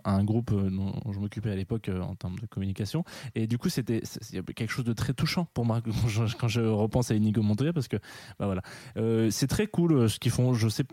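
A man's voice: mid-range voice, warm tone, dry recording. A young man hosting a live radio show in a studio, chatting casually in a rambling way with many fillers and restarts, and laughing at himself. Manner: self-mocking, laughing at himself.

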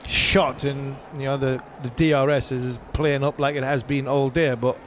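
A man's voice: medium pitch, flat delivery, normal speed. A man giving analytical cricket commentary, explaining the play and repeating points for emphasis. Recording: noisy outdoor broadcast. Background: stadium background noise.

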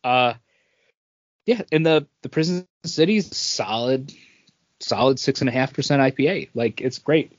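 This forties-aged man has a mid-range, slightly slow voice and chats casually like a podcast co-host reviewing beer, rambling and doubling back over his phrases. The recording is very dry and somewhat muffled.

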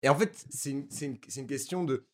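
A man's voice: medium pitch, fairly quick, a little mellow. A man from France in casual podcast chat, stumbling over repeated words and using street slang.

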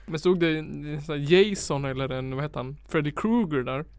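A father chatting casually as a podcast co-host, telling stories in an animated way and acting out the voices of the people in them. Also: a little high, clean tone, no room sound. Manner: animated storyteller who acts out quotes. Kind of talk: casual chat.

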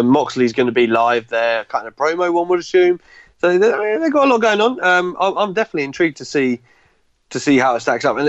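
A man's voice: medium pitch, no echo, dull audio. A man co-hosting a podcast, talking hesitantly with many fillers. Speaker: podcast co-host. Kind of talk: casual podcast chat.

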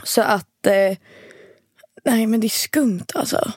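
Animated Swedish-speaking woman podcaster. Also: fairly high pitch, breathy edge, dry recording, clean studio sound. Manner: animated storyteller, acts out quotes. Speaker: podcast co-host. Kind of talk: casual chat.

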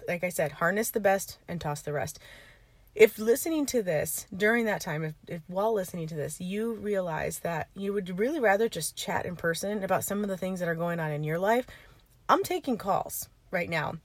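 Lady podcaster rambling away in her car, lowish voice, dry close sound. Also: moderate pace, dry recording. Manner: rambling, chatty, laughs often. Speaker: podcast host and coach. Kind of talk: casual podcast monologue. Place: sitting in a parked car. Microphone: informal setup, no computer.

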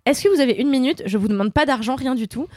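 Lively woman telling a funny story. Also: high-pitched, quick pace, no room sound, clean studio sound. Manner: animated, self-mocking anecdote telling with laughs. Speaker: podcast co-host. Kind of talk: casual group chat, storytelling.

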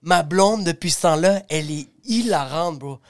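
A man with a Québécois accent chatting casually on a podcast, telling lively stories and acting out other people's voices. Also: a little high, moderate pace. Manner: animated storyteller, acts out voices, slangy. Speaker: podcast host. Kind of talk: casual chat.

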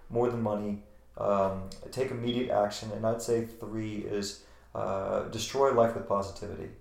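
A man's voice: fairly low pitch, darkish tone. A man answering interview questions with earnest, emphatic motivational advice, repeating his key phrases for weight, recorded with a roomy echo. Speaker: interview guest.

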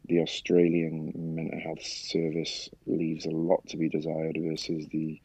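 A man telling his own story in a casual interview, halting with many fillers and restarts. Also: a bass voice, completely flat delivery, mellow, husky, no room sound, rough recording. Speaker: guest sharing his story.

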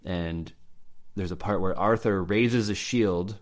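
A man talking casually as podcast co-host, halting with many fillers and restarts. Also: deep voice. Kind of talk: casual chat about legends.

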